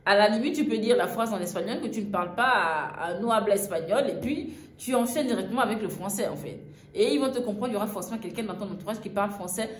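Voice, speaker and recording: A young woman from Gabon tells a travel story in a loose, chatty way, dotting her sentences with hesitations and fillers. Her voice sits at an ordinary middle pitch for a woman. The room gives it a noticeable echo, with a faint hum of noise in the background. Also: fast. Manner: chatty, frequent fillers and "en fait". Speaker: vlogger telling a travel story. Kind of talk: casual storytime narration.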